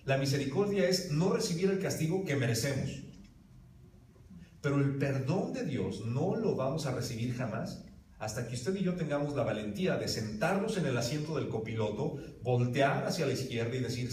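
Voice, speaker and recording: A man's voice: mid-range voice, expressive, moderate pace, darkish tone. A man preaching a sermon to his congregation, emphatic, putting questions straight to his listeners. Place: church hall. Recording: roomy hall from a distance.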